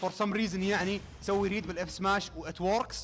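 A young man giving live esports play-by-play commentary, excitable and rapid-fire, with a voice worn out from a long day of calling matches. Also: high voice, a little hiss or hum. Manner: excitable, rapid-fire calls that burst into shouts. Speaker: tournament commentator.

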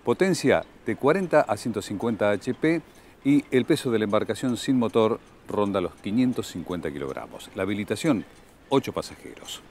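A man, hosting a boating show, interviewing guests and listing boat specs in a measured way. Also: lowish voice, lively intonation, darkish tone, slight background noise. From Argentina. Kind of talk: interview and presenting.

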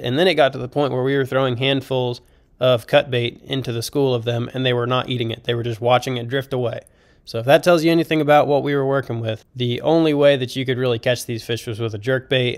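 Out on the open water, a young American man vlogs his fishing trip, shouting quick, excited exclamations when fish bite and narrating calmly in between. His voice is medium-pitched with no echo, and wind buffets the boat mic.

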